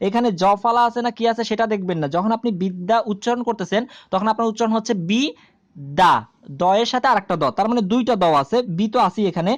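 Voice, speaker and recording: A woman's voice: on the high side, no room sound. Woman teacher explaining grammar, dry close sound. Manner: explains step by step with frequent rhetorical questions. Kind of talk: board-based grammar lesson.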